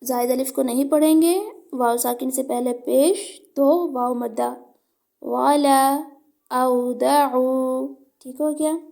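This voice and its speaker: A woman teaching Quran recitation. Her voice sits high yet dark and mellow, with some gravel in it. She spells out each syllable patiently and repeats the words slowly. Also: steady tone. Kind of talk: slow spelled-out recitation lesson.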